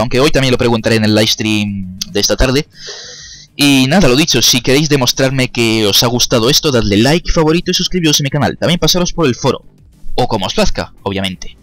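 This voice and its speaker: A man's voice: mid-range voice, a bit bright, no echo. A young man giving casual commentary over his own gameplay, chatty, cursing at opponents and talking to his viewers. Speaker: gaming YouTuber.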